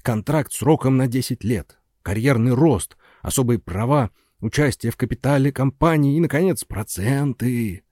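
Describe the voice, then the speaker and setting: A man voicing a smooth-talking, pushy film producer who coaxes and commands in an audiobook. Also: mid-range voice, moderate pace, few pauses, dark tone, no room sound, studio quality, lightly acted. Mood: persuasive. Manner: coaxing and commanding. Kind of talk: audiobook character voice.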